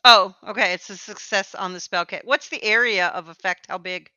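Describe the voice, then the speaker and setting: A woman's voice: mid-range voice, moderate pace, bright, forceful tone, no echo, dull audio. A woman speaking as game master, casually narrating a tabletop game.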